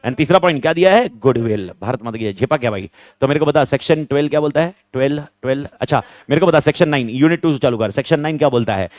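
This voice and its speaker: A male teacher giving a fast exam revision lecture, firing questions at students and answering them himself, repeating key points. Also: medium pitch, a little mellow, no room sound.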